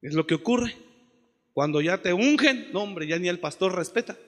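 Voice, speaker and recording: Male pastor, sermon, high bright tone, fervent shouts and soft asides, reverberant church hall. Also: lively intonation, normal speed. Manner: impassioned preaching, swings from shouts to soft asides.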